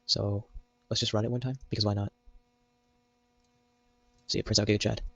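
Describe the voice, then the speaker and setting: A man's voice: fairly low pitch, little pitch movement, normal speed, creaky, a bit bright, no room sound, dull audio. A young man giving a casual, joke-filled programming tutorial while typing at his computer. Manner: jokey, meme-filled explaining. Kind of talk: casual screen-recorded coding tutorial.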